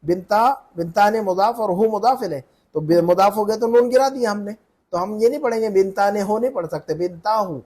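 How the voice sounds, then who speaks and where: A man teaching Arabic grammar in a one-on-one lesson, explaining slowly and repeatedly asking his student questions. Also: sits high, darkish tone. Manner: patient, repeats and quizzes the student.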